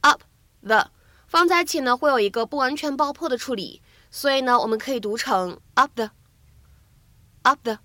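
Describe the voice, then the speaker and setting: High-voiced woman teaching pronunciation. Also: lively intonation, bright, forceful tone, no echo, poor audio. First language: Chinese. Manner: measured, slowly repeats English phrases for practice. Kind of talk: explanatory lesson narration.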